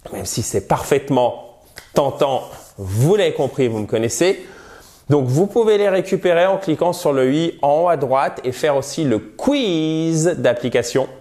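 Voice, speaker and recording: A man teaching English pronunciation in an online lesson, modelling words with slow, deliberate stress. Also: mid-range voice, a little mellow.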